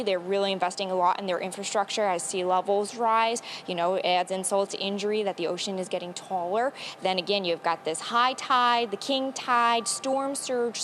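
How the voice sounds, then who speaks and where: A woman's voice: medium pitch, a little hiss or hum. A woman meteorologist reporting live on TV, explaining the weather in a conversational way.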